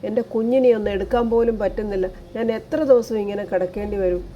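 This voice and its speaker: Woman reading a despairing bedridden young mum in a serial recap, mellow and soft. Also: mid-range voice, quick pace, muffled recording, slight background noise, lightly acted. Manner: sorrowful, self-pitying.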